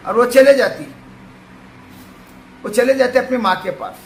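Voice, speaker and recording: A man's voice: very high voice, lively intonation, measured pace, reverberant, slight background noise. A man giving an emphatic, preachy monologue and telling stories in casual talk. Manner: emphatic, preachy, storytelling with acted quotes.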